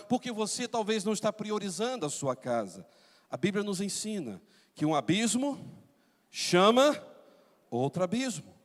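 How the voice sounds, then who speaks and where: High-voiced Brazilian pastor preaching. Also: male voice. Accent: Brazilian Portuguese. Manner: emphatic preaching, dramatic pauses and rising shouts. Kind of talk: sermon. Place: large church sanctuary. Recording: long hall reverb in a church.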